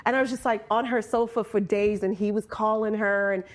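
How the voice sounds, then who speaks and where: A woman talks as a guest in a relaxed conversation and tells her stories with animated energy. Her pitch sits mid-range, and she breaks into laughter often as the story unfolds. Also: fairly quick, slight background noise. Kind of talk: casual storytelling chat.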